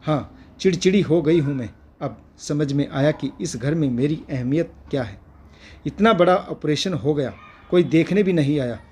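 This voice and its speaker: A bitter middle-aged wife and mother, aggrieved and complaining, read aloud by a man in a slightly high, husky voice. She sounds like a storybook figure who feels abandoned by her family. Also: moderate pace, dark tone. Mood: hurt, bitter.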